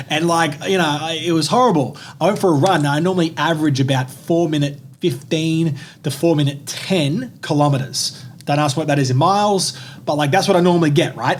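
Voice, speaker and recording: An energetic young man with a fairly high voice speaks emphatically on a motivational podcast. He swears casually as he talks. Faint noise hums behind him. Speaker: podcast co-host.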